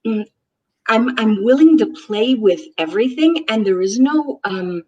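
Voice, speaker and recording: A woman's voice: a little high, expressive, measured pace, mellow, breathy edge, dull audio. A woman born in Israel and raised in the United States, co-hosting a casual online conversation with emphatic enthusiasm. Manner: emphatic, enthusiastic, hesitant fillers. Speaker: co-host.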